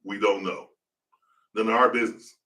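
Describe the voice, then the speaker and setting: A man's voice: fairly low pitch, fairly even intonation, moderate pace, pushed and bright, distant mic. A man hosting a podcast, riffing in casual, profane, rambling gossip commentary and laughing often. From United States. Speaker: podcast host.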